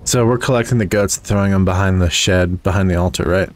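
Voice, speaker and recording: A man's voice: low-pitched, fast talker. A man hosting a gaming video, talking casually in an informal, joking way. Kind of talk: casual gaming commentary and chat.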